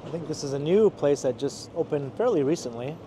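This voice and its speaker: A man with a slightly high voice gives casual commentary as he leads a walking tour. He is recorded outdoors on a busy street, with clear city noise behind him. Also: animated, a little fast. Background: city traffic and street noise.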